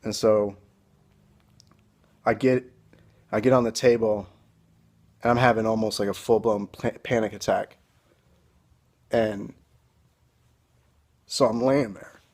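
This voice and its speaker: Young man, earnest testimony, low flat delivery, husky, phone-recorded. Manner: earnest, halting and emotional. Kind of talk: emotional personal testimony. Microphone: phone camera.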